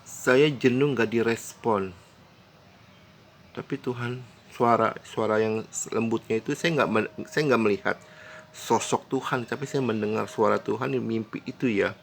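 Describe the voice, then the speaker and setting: A man's voice: lowish voice, fairly even intonation, unhurried, vocal fry, a little hiss or hum. A man telling a personal dream story in a rambling, earnest way, often correcting himself and explaining what he means. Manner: rambling, with frequent self-corrections and restarts; earnest, explains his own words as he goes. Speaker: vlogger recounting a dream.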